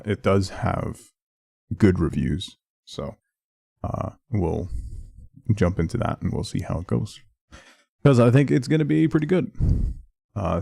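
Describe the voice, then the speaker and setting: A man with a low, creaky voice hosts a casual game stream. He sounds sedated and subdued, with a flat affect and a mellow tone, though his pitch still wanders up and down as he chats. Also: no room sound, clean studio sound. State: heavily medicated, subdued. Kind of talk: casual livestream intro talk.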